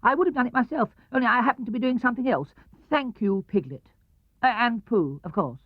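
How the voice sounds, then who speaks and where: A man voicing a bossy, self-assured rabbit in a children's storybook, brisk and emphatic. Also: extremely high pitch, lively intonation, no echo, pitched above the performer's own voice. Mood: confident, explaining. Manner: brisk, emphatic, explaining with authority. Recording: muffled 1970s cassette-era recording.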